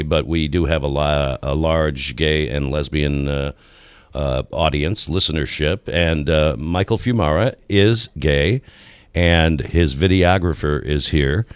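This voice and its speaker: A man hosting a radio talk show, asking friendly, halting questions with fillers. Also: rumbling low, smooth, dry recording. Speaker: radio host. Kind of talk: casual radio interview.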